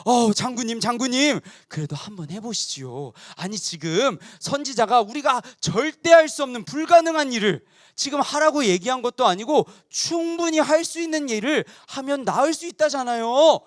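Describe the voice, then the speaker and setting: A man doing a soft-spoken pleading soldier. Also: extremely high pitch, lively intonation, moderate pace, dry recording, clean studio sound. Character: humble male soldier pleading with his general.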